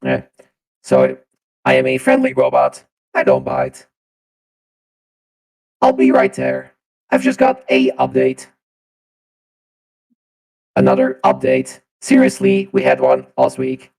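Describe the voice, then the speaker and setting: A man using a deep pitch-shifting voice changer to voice a friendly robot champion with glitchy updates, trying the lines out both flat and with feeling. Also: slow pace, pauses often. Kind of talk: voice-line tryout on a live stream.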